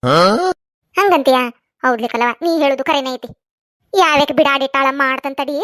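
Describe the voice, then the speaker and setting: A woman voicing an easily startled, quick-tempered village woman with a North Karnataka Kannada accent, in a cartoon. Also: sits high, fairly bright tone, no room sound, clean studio sound.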